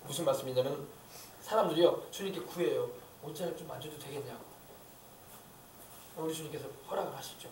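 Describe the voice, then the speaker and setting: A male pastor delivers a fervent sermon at a brisk clip, his voice sitting high for a man. He presses his points with rhetorical questions. The sound is roomy and echoey, picked up from some distance in a church sanctuary. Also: a little mellow, slight background noise.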